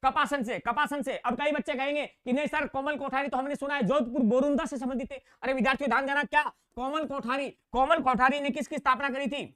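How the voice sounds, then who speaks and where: A man's voice: extremely high pitch, steady tone, quick pace, hardly any pauses, fairly bright tone. A man teaching an exam-prep general knowledge class. He repeats key words again and again, keeps urging students to pay attention, and builds playful memory tricks.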